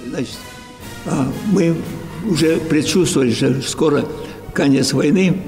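A man in his nineties recalling the past in an interview, halting, with many fillers and restarts. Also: a little high, darkish tone, soft background music. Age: 90s. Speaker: war veteran and professor interviewed. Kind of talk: interview recollection.

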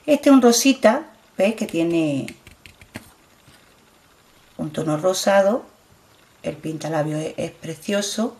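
A middle-aged woman with a Spain Spanish accent talks unhurriedly through a home product demo. Her voice sits a little low, and her speech is chatty and repetitive as she keeps asking viewers to look closely. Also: animated, slow pace, long pauses, a little mellow. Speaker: beauty vlogger.

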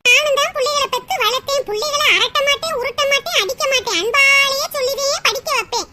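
A woman's voice: very high voice, quick pace, heavily acted. Woman doing a nagging old village grandmother. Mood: scolding. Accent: southern Tamil Nadu rural. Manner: loud, nagging, scornful. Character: scolding old village grandmother, sharp-tongued and meddling. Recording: loud background noise.

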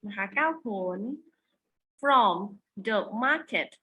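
Slow, bright-voiced Thai woman teaching. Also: fairly high pitch, animated, slight background noise. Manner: patient, repeats words slowly for children to echo. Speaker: primary school English teacher. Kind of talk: online classroom lesson.

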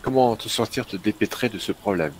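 A man's voice: lowish voice, fairly quick, creaky, darkish tone, slight background noise, rough recording. Man reacting casually in game chat. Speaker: voice chat participant.

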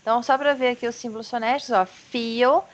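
A woman with a fairly high voice and a Brazilian Portuguese accent, teaching English over a video call. She explains patiently and models each word slowly. A faint hiss of background noise sits under the call. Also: steady tone, dull audio. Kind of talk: online English lesson.

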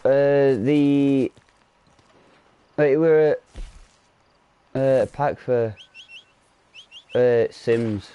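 A young man chatting casually while gaming with a friend, relaxed and amused. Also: mid-range voice, very slow, pauses often, clean tone, dull audio. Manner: laid-back, laughs at his friend. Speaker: co-player.

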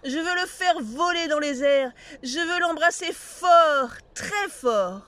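A woman's voice: sits high, lively intonation, slow pace, a bit bright, voice pushed up, full character voice. A woman voicing a playful uncle who fusses over a baby in a children's storybook reading. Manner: round-mouthed, emphatic.

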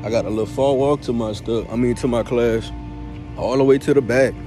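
A teenage boy with a medium-pitched male voice vlogs briskly on his way to class through school hallways and grounds, with music playing in the background. He jokes through interviews in loose, slangy casual chat and laughs often.

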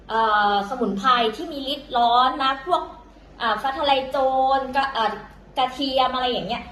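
A woman's voice: fairly high pitch, pushed and bright, roomy sound, a little hiss or hum, rough recording. A woman teaching in a casual, chatty way, full of fillers and self-corrections, talking to viewers as younger siblings. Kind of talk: casual vlog-style lesson.

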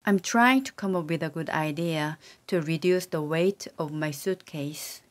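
Sitting low in pitch and moving at a measured pace, a woman's AI-generated voice reads repeated drill sentences for a language lesson. The delivery is careful and even, typical of text-to-speech.

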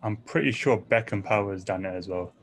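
A man's voice: on the low side, normal speed, slight background noise, rough recording. A man competing in a football quiz, thinking aloud hesitantly with his team. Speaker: quiz contestant. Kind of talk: casual team discussion.

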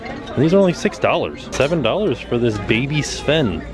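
A man in his thirties vlogs on a handheld camera, cheerfully rattling off bargain prices as he wanders a packed store. Music plays clearly behind him over a busy crowd. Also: mid-range voice, very animated, normal speed. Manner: chatty, upbeat, listing prices while browsing. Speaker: vlogger. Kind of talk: casual vlog narration. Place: busy outlet store and parking lot.

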